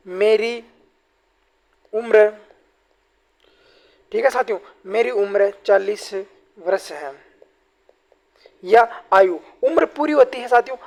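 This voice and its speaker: A man teaching a Hindi grammar lesson for exam preparation, often calling his viewers companions, repeating key phrases and reading example sentences slowly. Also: high-pitched, a little mellow. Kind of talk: online exam-prep lesson.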